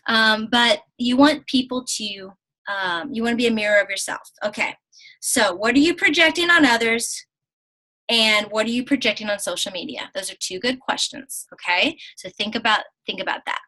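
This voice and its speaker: A woman coach leading a group call, upbeat and encouraging as she praises her team. Her voice is bright and sits a little high. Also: moderate pace, rough recording. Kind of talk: casual online team call.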